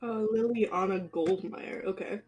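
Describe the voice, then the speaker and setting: A woman's voice: medium pitch, a little slow, muffled recording. A woman playing a tabletop game, casually describing her character's actions and swearing. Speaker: player.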